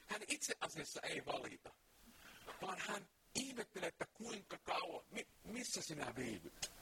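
Guy preaching a sermon, kinda high voice, fires off rhetorical questions. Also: background noise.

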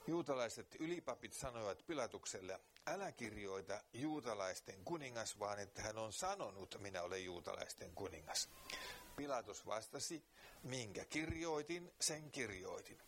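A man preaching, reading scripture aloud slowly and earnestly, then praying, with occasional fillers. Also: lowish voice, lively intonation, fairly bright tone, slight background noise. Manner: slow, earnest Bible reading with pauses and fillers.

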